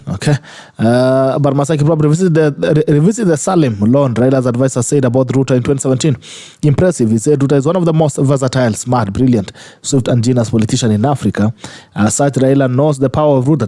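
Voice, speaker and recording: Male radio host, Kenyan accent, mid-to-lowish natural voice, soft-edged and dry, conversational presenting and reading of messages. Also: dry recording. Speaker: radio talk show host. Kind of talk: call-in show chat, reading out listener comments.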